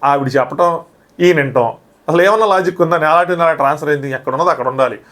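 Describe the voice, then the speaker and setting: A man's voice: a little high, fairly bright tone. A man reviewing a reality show episode in casual, argumentative talk, often acting out what others said. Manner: rapid, argumentative, often acts out quoted lines.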